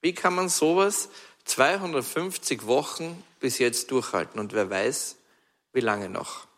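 A man preaching a sermon, telling stories in a chatty, lively way with frequent restarts and asides. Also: medium pitch, a little slow. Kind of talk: storytelling sermon. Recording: long hall reverb.

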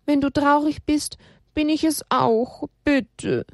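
A woman's voice: high voice, slow pace, vocal fry, no room sound, clean studio sound, pitched above the performer's own voice, full character voice. A woman voicing a tearful, pleading young animal in a storybook tale.

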